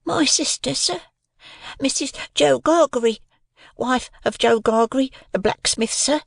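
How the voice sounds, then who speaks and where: A man's voice: very high voice, measured pace, gravelly, no room sound, studio quality, voice pushed up, full character voice. A man voicing a small, frightened orphan boy in a storybook, timid, polite and pleading.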